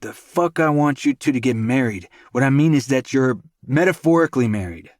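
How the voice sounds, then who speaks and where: A man's voice: mid-range voice, lively intonation, brisk, dry recording, clean studio sound, pitched above the performer's own voice, lightly acted. Man doing a hot-tempered protective brother. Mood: angry. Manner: snapping, cursing, forceful. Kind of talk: audiobook character voice.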